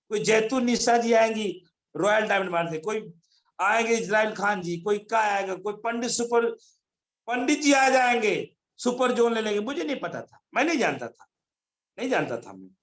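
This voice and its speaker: Animated man giving a motivational talk. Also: sits high. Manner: animated, storytelling, addresses listeners by name. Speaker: motivational speaker. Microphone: video call.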